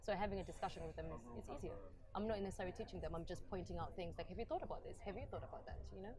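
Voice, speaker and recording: A woman in her twenties from Zimbabwe, a podcast guest talking thoughtfully about teaching and identity. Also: on the low side. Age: 20s. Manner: quick, thoughtful and conversational, with frequent agreeing murmurs. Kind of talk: podcast interview. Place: busy public venue. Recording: noisy crowd in a public venue. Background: crowd chatter.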